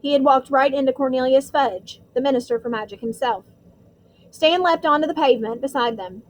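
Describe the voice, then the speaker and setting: A woman with a high voice reads a storybook aloud, steady and clear with dramatic stresses. She narrates in an even, practiced audiobook manner. A faint hiss runs underneath. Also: fairly quick, low-quality recording. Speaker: audiobook reader.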